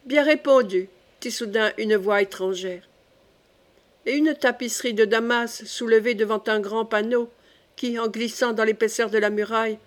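Woman narrating a classic audiobook. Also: fairly high pitch. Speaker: audiobook reader.

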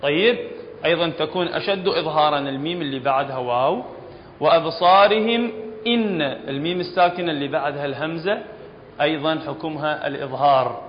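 High-voiced Iraqi man teaching in an echoey hall. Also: quick pace. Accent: Iraqi Arabic. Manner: explanatory, often checks understanding with the class. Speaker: Quran recitation teacher. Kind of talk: classroom tajweed lesson. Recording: dull lo-fi recording in a reverberant hall, faint background noise.

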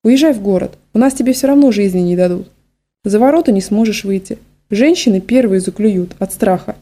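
A woman's voice: mid-range voice, lively intonation, a little fast, mellow, lightly acted. A woman voicing a stern, weary female school director who speaks firmly and with resignation. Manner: firm, resigned.

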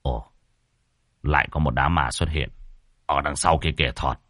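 A man's voice: normal speed, a bit bright. A man voicing a sly, boastful old man who talks with a smug drawl. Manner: smug low drawl, shifting to pleading.

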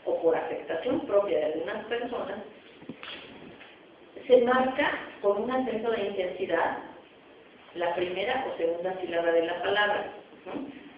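A woman professor lectures at an even middle pitch. She keeps checking that her students follow. The room is very echoey, she is heard from a distance, and the sound is muffled. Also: normal speed, pauses often, a little hiss or hum. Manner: explanatory, often checks in with "¿no?". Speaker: phonetics professor. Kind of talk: university lecture. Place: large echoey classroom. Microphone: distant recorder.

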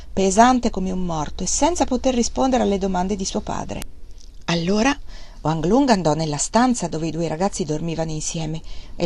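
A woman reading a novel aloud as an audiobook, in steady, measured narration. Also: lowish voice. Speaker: audiobook reader. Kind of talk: scripted narration.

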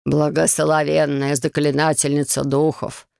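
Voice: medium pitch, little pitch movement, measured pace, vocal fry, a little mellow, clean tone, dry recording, studio quality. A reader voicing a humble village man asking a favor in an earnest, deferential way. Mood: pleading. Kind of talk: audiobook dialogue.

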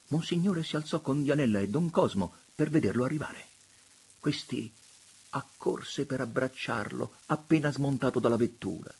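Theatrical male audiobook reader, low and raspy, with lively melody. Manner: theatrical, expressive, measured. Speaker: narrator. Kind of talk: audiobook reading of a literary novel.

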